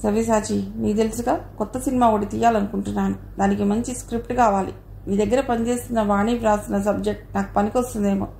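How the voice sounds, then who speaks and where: A woman reading the part of a scheming middle-aged male film producer, smooth and persuasive, with a roomy echo and faint noise. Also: sits high, little pitch movement, fast talker, a little mellow.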